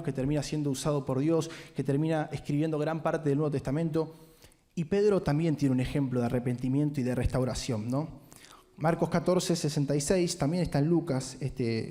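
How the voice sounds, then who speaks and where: A man with a Rioplatense Spanish accent preaching a sermon and telling the story with animation, often asking rhetorical questions. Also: on the high side. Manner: animated storytelling, acts out quotes, frequent rhetorical "¿no?". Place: large church sanctuary. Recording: long hall reverb in church.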